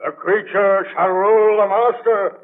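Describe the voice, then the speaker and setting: A man's voice: high voice, fairly even intonation, measured pace. A man playing an anguished, vengeful monster in a 1930s radio drama, speaking in a portentous, declamatory way. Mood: threatening. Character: anguished, vengeful male monster, lonely man-made creature. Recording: tinny band-limited 1930s radio broadcast.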